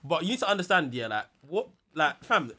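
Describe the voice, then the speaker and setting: A man's voice: on the high side, big pitch swings, a little fast, bright, forceful tone. A young man with a London roadman accent, debating argumentatively in casual slang and repeating phrases for emphasis. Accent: London urban slang. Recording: chatter around the voice.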